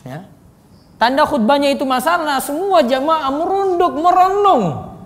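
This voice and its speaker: Animated teacher in an echoing hall. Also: male voice, very high-pitched, moderate pace. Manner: animated, swings from soft to loud, acts out examples. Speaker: Islamic teacher. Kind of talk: lively teaching talk on sermon delivery. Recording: long hall reverb.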